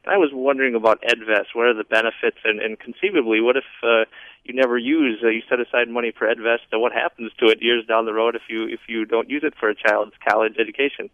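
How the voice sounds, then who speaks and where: A man in his thirties calling into a radio show, asking his question hesitantly with many pauses and fillers, heard over a phone line. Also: mid-range voice, fairly even intonation, no room sound. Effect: phoning into a radio show, thin phone-line sound. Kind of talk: casual call-in question.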